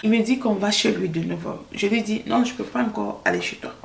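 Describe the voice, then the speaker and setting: A woman vlogger telling a personal story in a casual, animated way, acting out the dialogue as she goes. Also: a little fast, creaky, roomy sound, a little hiss or hum. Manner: animated, quotes dialogue with rising pitch.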